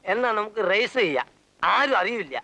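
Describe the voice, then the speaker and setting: A brash matchmaker blusters and boasts in a film comedy. His voice is high and very bright and sharp, with a dry, close sound. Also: very animated, moderate pace, no room sound, exaggerated voice, low-quality recording. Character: brazen, boastful man who arranges marriages. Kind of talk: 1990s film comedy dialogue.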